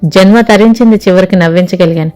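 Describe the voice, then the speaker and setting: A woman reading the part of a calm, witty young businessman in an audio story, in a dry, teasing way. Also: medium pitch, fast talker, lightly acted. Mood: wry.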